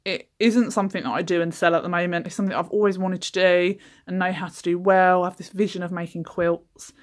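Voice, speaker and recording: A young woman giving a chatty, relaxed tour of her small craft cabin, with frequent ums. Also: fairly low pitch, fast. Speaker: craft business owner giving a workshop tour. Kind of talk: casual walkthrough.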